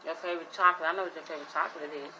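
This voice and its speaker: A woman's voice: low voice, fairly even intonation, rapid-fire. A woman in her thirties chatting casually with her son in a home vlog, easygoing and prompting him with questions. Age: 30s. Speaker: vlogger. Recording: noisy home recording.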